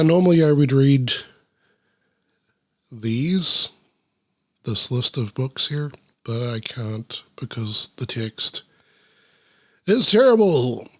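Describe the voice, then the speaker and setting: A man reading a children's book aloud, breaking off for deadpan, sarcastic and sweary asides. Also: medium pitch, no echo, clean studio sound.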